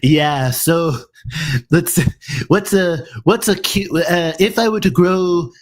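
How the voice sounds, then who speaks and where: A cartoon baby boy puts on a broad bogan Australian twang, as a man attempts the impression. The voice sits a bit higher and crawls along slowly. It stumbles, restarts and trails off. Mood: fumbling. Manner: halting, fumbling attempt at an impression.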